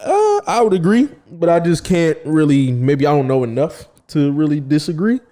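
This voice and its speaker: A man's voice: on the high side, sing-song, moderate pace, warm tone. A man co-hosting a podcast in casual chat, talking loosely with lots of fillers and swearing. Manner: loose, profane, many "like" fillers. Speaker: podcast co-host.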